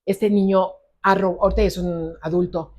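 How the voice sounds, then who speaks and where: In a lowish, darkish-toned voice at normal speed and with fairly even intonation, a middle-aged Mexican-accented woman recounts a case during an interview. She's an ADHD psychologist and acts out the conversation she describes.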